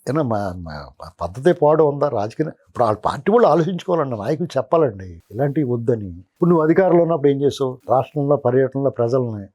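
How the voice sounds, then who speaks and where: A man's voice: mid-range voice, lively intonation, quick pace, mellow. A middle-aged man, a political analyst, giving heated commentary in an interview, rhetorically scolding a politician as "you".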